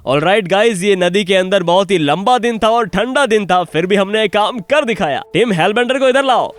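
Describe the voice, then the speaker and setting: A man presenting an outdoor wildlife show in an excited, explaining way, exclaiming often. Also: high voice, normal speed, dry recording. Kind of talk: Hindi dub of an outdoor wildlife vlog.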